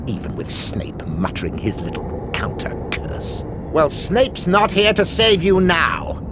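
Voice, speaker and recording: An actor playing a treacherous, mocking wizard professor in a video game, with a sneering, theatrical delivery over loud music. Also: male voice, fairly high pitch, wildly swooping pitch, measured pace, heavy background noise. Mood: mocking, gloating. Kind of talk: video game villain voice acting.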